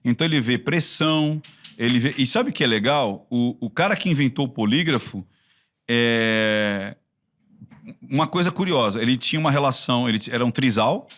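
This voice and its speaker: A Brazilian man with a Brazilian Portuguese accent and a mid-range voice, chatting casually on a podcast. He tells stories in an animated way, often breaking off and restarting his sentences as he goes. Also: medium pitch, normal speed. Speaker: body-language expert.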